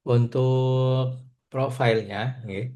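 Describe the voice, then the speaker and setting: A man's voice: medium pitch, fairly even intonation, drawn-out words, dark tone. A man moderating an online seminar on a video call, making polite, formal announcements.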